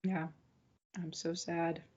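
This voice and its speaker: A woman's voice: lowish voice, flat delivery, slow, darkish tone. Casual rambling woman podcaster from Illinois. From Illinois, USA. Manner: rambling, swears freely, laughs often. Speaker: podcast co-host. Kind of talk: casual chat. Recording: dull lo-fi sound.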